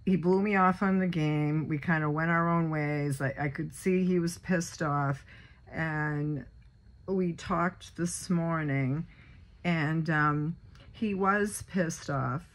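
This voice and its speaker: A woman in her sixties with a low, deep voice talks openly to her viewers. She rambles, with lots of ums and restarts, in an unscripted, personal way. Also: slow. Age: 60s. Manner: rambling, many fillers and restarts. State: a little choked up. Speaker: vlogger. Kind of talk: casual personal monologue.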